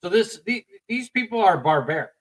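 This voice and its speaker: A man co-hosting a live-stream podcast, talking in a halting, emphatic way with many fillers. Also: high-pitched, very animated, rough recording. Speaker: podcast co-host. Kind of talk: casual live-stream talk.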